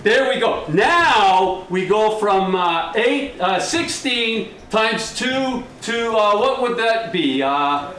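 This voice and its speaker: A man's voice: high voice, expressive, slow, hardly any pauses, fairly bright tone. A man doing a comic magic act for a live audience, with the jokey, showy patter of a kids party magician. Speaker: stage magician. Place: live show in an echoey room. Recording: echoey, noisy room, far from mic.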